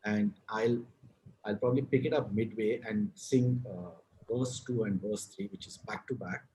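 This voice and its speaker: Over poor audio with a little hiss or hum, a South Indian-accented man talks at normal speed in a fairly low, warm voice. As a video-call interview guest who writes advertising and books, he rambles frankly, restarting sentences and swearing casually.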